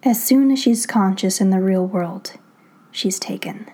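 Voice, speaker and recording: A woman reading a story aloud in a hushed, steady whispered narration. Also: medium pitch, a little slow. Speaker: story reader.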